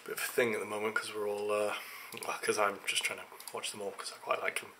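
Young man, tired, hesitant and rambling, low voice, crisp bright tone, home office webcam. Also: little pitch movement, fast, a little hiss or hum. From England. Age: young adult. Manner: rambling, hesitant, many fillers. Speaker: vlogger. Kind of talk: casual vlog to camera. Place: small home office room. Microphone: webcam at desk.

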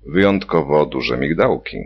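A man reading a satirical story, narrating in a slow, playful way. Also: extremely low pitch, lively intonation, a little hiss or hum. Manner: slow, gravelly, playful voicing of characters. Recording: dull lo-fi recording.

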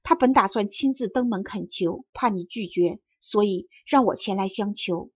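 A young man begs for help in a sorrowful tone, as a woman storyteller reads him. The voice is breathy and husky. The storybook recording is dry and dull. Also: mid-range voice, normal speed, a little mellow, no room sound, lightly acted. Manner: sorrowful, imploring. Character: stern young male messenger.

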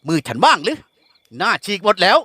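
A man's voice: high voice, sing-song, rapid-fire, bright, forceful tone, husky, no echo, voice pushed up, heavily acted. A man voicing a furious young woman held captive, protesting in anger. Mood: angry. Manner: angry, protesting.

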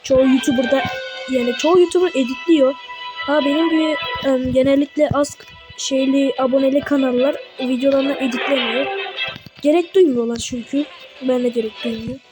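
A high-pitched woman chats her way through a game, excitable and quick to talk back to the characters in slangy banter. Her casual let's-play commentary sits over clearly audible game music in the background. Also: rough recording. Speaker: gaming YouTuber.

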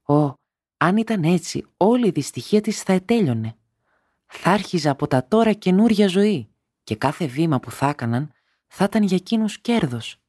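A man's voice: mid-range voice, animated, mellow, no room sound, clean studio sound, lightly acted. A man reading a story aloud and voicing a young woman who is tender at times and bitter at others, speaking emotionally and rising to cries. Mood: hopeful. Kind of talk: audiobook character reading.

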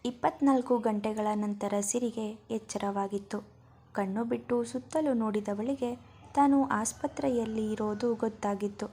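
A woman narrating a serialized story in a steady, emotive way. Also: on the high side, normal speed, husky.

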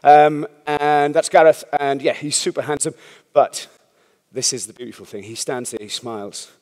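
A slightly high, slightly mellow male voice holds a steady tone at normal speed. He's a startup founder rambling candidly through a conference talk, swearing casually and asking the crowd "yeah?" again and again. Long hall reverb fills the recording.

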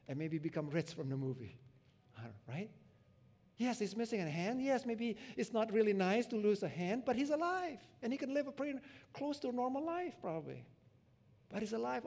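A male pastor preaching a sermon in a conversational way, full of fillers, moving between loud emphasis and quiet asides. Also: a little high. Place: church.

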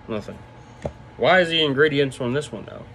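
Young man, 20s, laid-back off-the-cuff reviewer, mouth packed with dip, average pitch, noisy room hum behind. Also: animated, moderate pace, pushed and bright. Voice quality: talking with a lip full of dip. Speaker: product reviewer. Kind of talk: casual vlog review, off the cuff. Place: small room indoors. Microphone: phone at arm's length.

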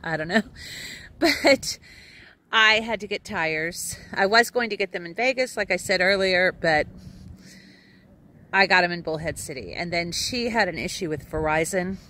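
A fairly low-pitched, sharp-toned voice belongs to a Texan woman in her forties, heard over a little hiss or hum. As an RV travel vlogger at an outdoor RV campground, she chats casually into a phone camera held at arm's length, rambling and often laughing.

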